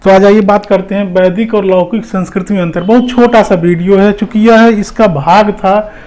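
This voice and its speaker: Man, high voice, teacher, exam-prep lecture, repeats himself, halting fillers. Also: fairly even intonation, darkish tone. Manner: explanatory, repeats points, many fillers.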